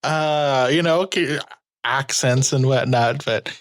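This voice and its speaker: A woman's voice: very deep voice, slow. A woman from California hosting a podcast, joking and bantering casually with her guest. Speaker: podcast host. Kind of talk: casual chat.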